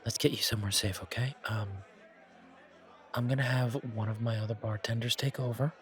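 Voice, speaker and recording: Bar crowd noise fills the background as a man voices a friendly bartender at a supernatural bar, lightly acted in a casual, one-sided audio roleplay. His medium-pitched, fairly bright voice holds a steady tone and moves a little fast, chatty and slightly hesitant, sounding concerned yet reassuring.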